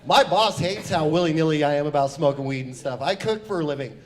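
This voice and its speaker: A man in his forties doing a loud, swearing, laid-back stand-up set. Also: on the high side, quick pace. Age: 40s. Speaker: stand-up comic.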